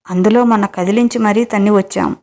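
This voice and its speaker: A wary older man who talks in an anxious, questioning way, as a woman reads him in a romance audio story. His voice sits at a middle pitch and comes across as measured. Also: steady tone, darkish tone, lightly acted. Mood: worried.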